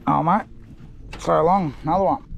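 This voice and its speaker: A middle-aged Australian man giving excited, laid-back commentary while fishing from a small boat, recorded on a chest-mounted action camera. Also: on the high side, normal speed, creaky, background noise. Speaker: fishing vlogger. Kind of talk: casual running commentary. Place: small boat on a river outdoors.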